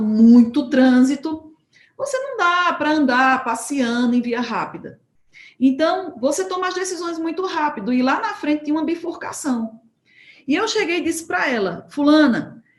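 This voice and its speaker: A woman preaching at a church home group, telling a testimony as a lively story and acting out the dialogue. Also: high-pitched, roomy sound. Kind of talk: sermon testimony told as a story.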